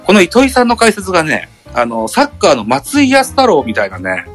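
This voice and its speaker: Polite man with lively intonation. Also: sits high, soft background music. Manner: polite, measured, with many fillers. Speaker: podcast co-host. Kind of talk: casual chat.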